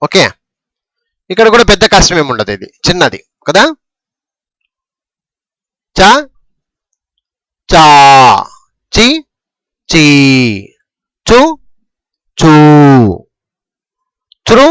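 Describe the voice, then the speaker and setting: A man's voice: sits high, big pitch swings, extremely slow, long pauses, fairly bright tone, no room sound, poor audio. A man teaching a script lesson, reciting syllables one by one and checking in with his students. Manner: patient, repetitive drilling, frequent "okay?" checks.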